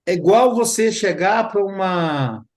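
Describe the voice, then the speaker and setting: A man with a high-pitched voice hosts a study group at a measured pace. His casual teaching talk turns into animated storytelling, livened up by playful imitations.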